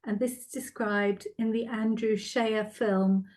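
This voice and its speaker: Moderating the Q&A of an online art talk on video, a woman reads viewers' comments aloud, polite and formal though her phrasing hesitates. She speaks at a measured pace in a steady, medium-pitched, slightly mellow voice.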